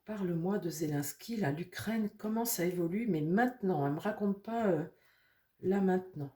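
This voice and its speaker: Stuffy-nosed woman doing a casual tarot reading, lowish mellow voice, lots of ums and restarts. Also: normal speed. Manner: rambling, many fillers and restarts; addresses her tarot deck softly. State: nasal from a cold. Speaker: tarot reader.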